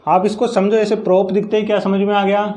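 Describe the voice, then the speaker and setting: Higher-voiced male teacher explaining step by step. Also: level tone, fast, a little mellow. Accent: Rajasthani Hindi. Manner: explains step by step, counts aloud, asks and answers himself. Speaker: science teacher. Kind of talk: classroom chemistry lesson.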